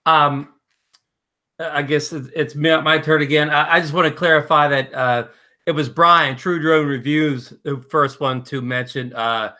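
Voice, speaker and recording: A man's voice: fairly high pitch, fairly even intonation, measured pace, pushed and bright. A man of nearly sixty co-hosting an online chat, talking hesitantly with stammers and correcting small details. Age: 50s. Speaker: co-host.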